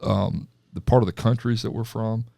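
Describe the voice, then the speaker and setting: Gravelly pastor hosting a chat. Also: male voice, on the low side, steady tone, dark tone, no echo. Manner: conversational, halting restarts, laughs easily. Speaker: podcast host and pastor. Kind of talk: casual chat.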